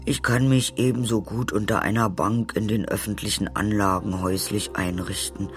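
A man voicing an anxious, self-blaming old man who talks slowly and mournfully in a storybook. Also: fairly low pitch, steady tone, soft background music, natural voice.

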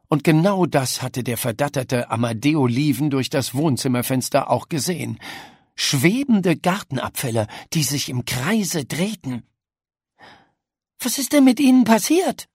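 Give me a man reading a storybook slowly with a lively, expressive voice. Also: medium pitch, husky, no room sound, clean studio sound. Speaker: narrator. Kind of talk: audiobook reading.

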